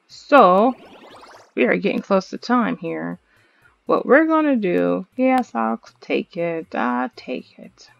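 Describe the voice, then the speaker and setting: A woman's voice: mid-range voice, vocal fry, no echo, dull audio. A young woman commentating her own video game play in a playful, dramatic way, with chants and squeals. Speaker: gaming video host.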